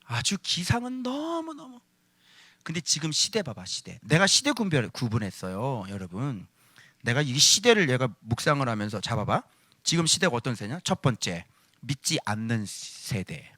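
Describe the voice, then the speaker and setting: Pastor guy, really high bright voice, preaching loud then soft, dry close mic. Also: moderate pace, no echo. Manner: animated preaching, shouting and then dropping low, questions to the listeners; scolding rhetorical questions in plain speech. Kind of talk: sermon.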